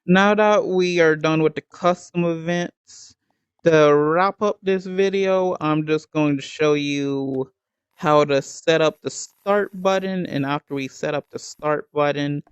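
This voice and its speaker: A man giving a step-by-step game building tutorial in a slow, halting way, pausing often with ums and restarts, and hiccuping now and then. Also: a little high, fairly even intonation, smooth, no echo, lo-fi sound.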